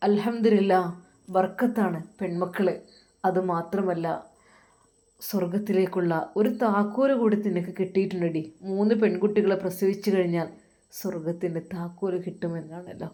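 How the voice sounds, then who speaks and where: A woman with a Malappuram Malayalam accent voicing a gentle, religious young husband who steadily reassures his wife. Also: on the low side, steady tone, moderate pace, close to an everyday voice. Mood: soothing. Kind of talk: storytelling voice acting.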